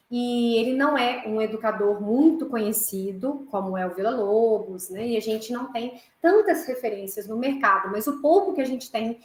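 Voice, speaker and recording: Brazilian woman music teacher, higher voice, explanatory, in an echoey room. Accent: Brazilian Portuguese. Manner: explanatory, frequent "né" and "tá" checks, counts beats aloud. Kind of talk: online class lecture.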